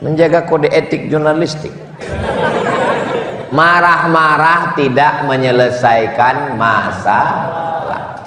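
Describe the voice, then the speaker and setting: A man's voice: on the high side, slow, pauses often. A man preaching a humorous sermon to a live audience, telling jokes and acting out little dialogues. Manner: joking storytelling, acts out dialogues. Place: large hall. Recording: echoey hall with background noise.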